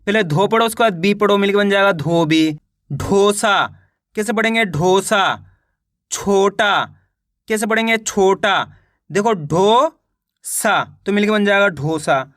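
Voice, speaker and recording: Man, high voice, dry close sound, slow syllable-by-syllable reading lesson. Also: fairly bright tone, no room sound. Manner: slow syllable-by-syllable drilling, repeats questions. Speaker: Hindi reading teacher.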